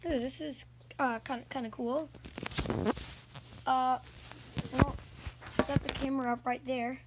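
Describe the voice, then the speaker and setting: A woman hosting a casual toy unboxing vlog, narrating chattily and excitedly. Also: high-pitched, unhurried, very noisy.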